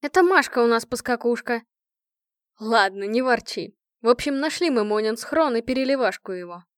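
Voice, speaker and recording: A woman voicing a cheerful, loud male colonel who teases with mocking nicknames. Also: on the high side, animated, moderate pace, no room sound, studio quality, natural voice. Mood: jovial teasing.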